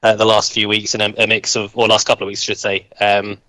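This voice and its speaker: A man giving conversational racing tips as a pundit, halting and repeating words as he goes. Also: lowish voice, monotone, bright, forceful tone, no echo. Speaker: racing tipster. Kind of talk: conversational race analysis.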